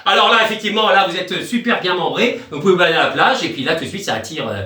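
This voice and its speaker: A man's voice: high-pitched, lively intonation, quick pace, pushed and bright, roomy sound, far from the mic. A man chatting in a rambling, joking home video, with crude asides and chanted nonsense magic words. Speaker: video host.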